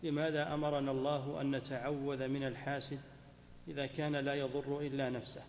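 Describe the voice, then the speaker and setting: Flat-voiced man reading questions formally. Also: mid-range voice, brisk, slight background noise. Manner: formal, repeats a respectful address before each question. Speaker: question reader. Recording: dull echoey hall recording.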